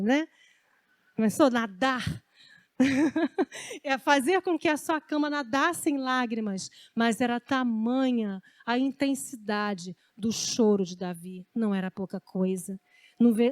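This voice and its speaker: A Brazilian woman preaching a sermon in a conversational, animated storytelling way. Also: fairly high pitch, dry recording. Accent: Brazilian Portuguese.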